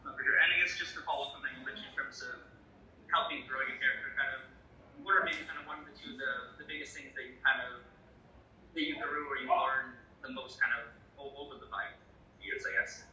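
A man's voice: mid-range voice, steady tone, a little fast, sharp tone. A young man, a student sports reporter, asking hesitant questions full of fillers over a video call. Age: young adult. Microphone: video call laptop mic. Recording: dull, roomy, distant call audio with hiss.

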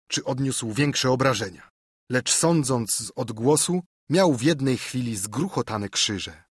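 A man reading a novel aloud as an audiobook narrator in a measured, literary manner. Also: medium pitch, a bit bright, husky, no echo, studio quality. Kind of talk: scripted narration.

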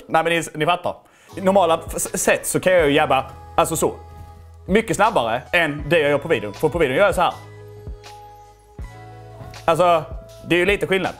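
Animated self-mocking young man. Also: fairly high pitch. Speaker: YouTuber reacting to his own fight. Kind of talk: casual reaction commentary. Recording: faint music underneath.

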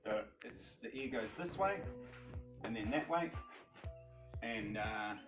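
A man with a broad New Zealand accent chatting casually through step-by-step instructions, laid-back and slangy with dry, deadpan humour. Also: lowish voice, slow pace, over music, poor audio. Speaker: home vlogger giving cooking and DIY tips. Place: house rooms, kitchen and garden. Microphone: handheld or propped phone.

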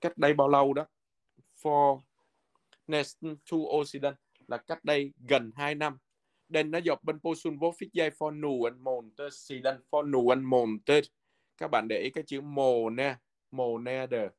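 A man teaching a language lesson from a textbook, patiently repeating words slowly so learners can follow. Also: mid-range voice, fairly even intonation.

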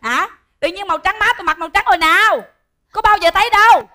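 An actress, who talks in rapid, teasing, exclamatory bursts. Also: female voice, very high voice, sharp tone. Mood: scolding banter. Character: sharp-tongued bossy woman performer, quick to mock. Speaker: comedic lead. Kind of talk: stage comedy sketch.

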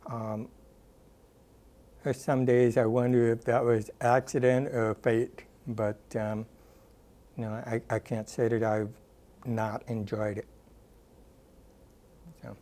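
Recorded with a lapel mic in a dark studio, a former rehabilitation counselor in his 60s reflects on his career in an unhurried oral history interview, often pausing with ums and uhs. His voice is mid-range and his tone stays level.

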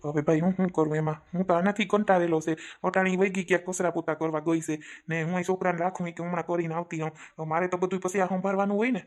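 A woman's voice: fairly low pitch, fairly even intonation, lightly acted. A woman playing a tired, defensive older brother in a comic family skit, with a Kathiyawadi Gujarati accent. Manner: defensive, tired, quick-talking. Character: weary older brother, a harried village farmer.

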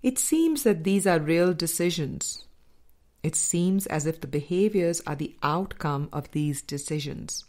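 A woman reads a spiritual audiobook slowly, placing each phrase deliberately with measured pauses in between. Her slightly low voice is expressive, with a darkish tone.

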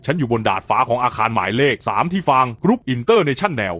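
A man voicing a short-tempered male rental agent who snaps in slow, irritated bursts. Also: mid-range voice, big pitch swings, fairly bright tone, dry recording.

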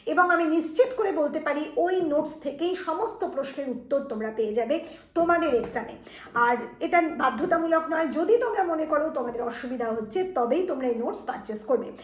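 A woman's voice: high-pitched, expressive, a little fast. A woman teacher talking students through an exam revision lesson, explaining step by step and speaking to them directly. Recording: echoey room.

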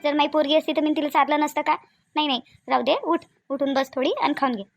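Chatty varhadi aunty in a cartoon, high quick voice, keeps coaxing and repeating, dry sound. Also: female voice, steady tone, creaky, no echo, soft background music. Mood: comforting. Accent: Varhadi Marathi. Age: middle-aged. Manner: coaxing, fussing, repeats herself. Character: kind older village woman, motherly and talkative. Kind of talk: cartoon voice acting.

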